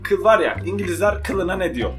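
A man's voice: sits high, animated, a little fast, faint music behind. A young man hosting a joke challenge in casual, teasing, slangy banter, often breaking into giggles. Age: young adult. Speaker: YouTube host and joke challenge contestant. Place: small room at home.

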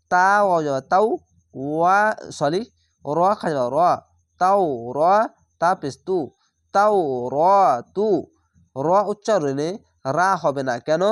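Man, Bangladeshi Bengali accent, Quran reading teacher, spells letters out one by one, slow recitation, high voice. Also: dry recording, clean studio sound. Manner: spells letters and vowel marks one by one, then recites slowly.

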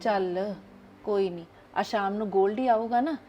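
An actress playing an older grandmother who talks to her granddaughter in a warm but bossy way. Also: medium pitch, moderate pace, dull audio, a little hiss or hum, natural voice. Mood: doting. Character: doting grandmother, protective and firm.

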